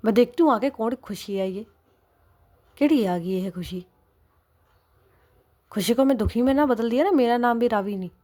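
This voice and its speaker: A woman narrator doing a jealous young wife, voice pitched up and loud with indignation. She sounds possessive and quick to flare, storybook style, in a plain middle register. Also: slightly rough. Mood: jealous, indignant. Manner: indignant, raised voice.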